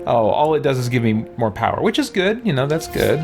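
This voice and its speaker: Over loud music, a man with a medium-pitched, widely swinging voice talks fairly quickly as a let's play streamer. He rambles conversationally through casual gameplay commentary, thinking aloud while reading and answering his chat.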